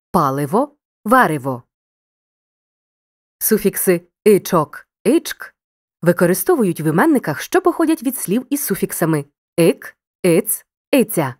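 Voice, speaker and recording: A woman reading a scripted lesson, addressing the listener directly and spelling out example words clearly. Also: mid-range voice, very animated, a little slow, darkish tone, no room sound, studio quality. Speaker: teacher.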